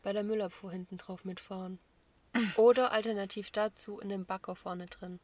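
A young woman, talking in a relaxed, plain-spoken way as a podcast co-host. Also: medium pitch, moderate pace, dry recording. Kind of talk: casual chat.

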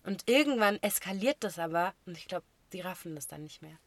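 A young woman co-hosting a podcast, telling stories in a lively way with casual slang. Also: lowish voice, brisk, no room sound. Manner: animated storytelling with slang. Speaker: podcast co-host.

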